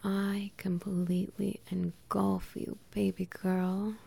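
A young adult woman whispering softly and teasingly in an intimate audio roleplay, with quiet laughs between phrases. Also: mid-range voice, level tone, slow pace, gravelly, breathy edge.

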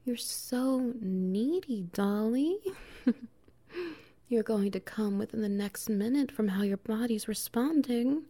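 A woman performing an intimate audio roleplay, talking softly and teasingly, slipping into whispers and low laughs. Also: lively intonation, takes it slowly.

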